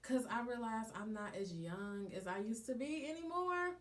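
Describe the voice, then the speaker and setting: A woman co-hosting a podcast, telling stories in a chatty, animated way with casual slang. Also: a little high, moderate pace. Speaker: podcast co-host. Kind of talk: casual chat.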